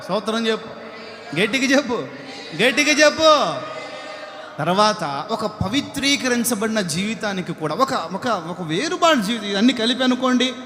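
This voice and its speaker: A male preacher with a high, bright, forceful voice delivers a sermon in a church hall. He drives his points home emphatically, climbing to shouts and repeatedly calling on the congregation to answer aloud. The sound rings through a large room with a long, echoey reverb. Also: lively intonation, moderate pace.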